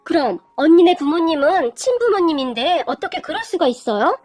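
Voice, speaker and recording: A stubborn, sharp-tongued young daughter, played by a woman reading the story. She talks back in a cutting, sarcastic way, with a high, lively voice. Soft music sits behind her. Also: fairly quick, no room sound.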